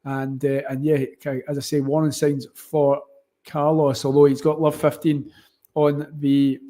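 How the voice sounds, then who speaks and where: Scottish guy w a thick broad accent chatting thru live tennis, slightly high voice, rambly and restarts sentences. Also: flat delivery, measured pace, dark tone. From Scotland. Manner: hesitant, wordy, often rewording mid-sentence. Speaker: watchalong stream host and commentator. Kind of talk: casual live tennis commentary and chat.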